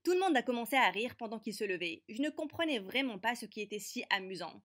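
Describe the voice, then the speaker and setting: A woman voicing a feisty teenage girl who narrates an animated story with brisk, sarcastic wit. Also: fairly high pitch. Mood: sardonic.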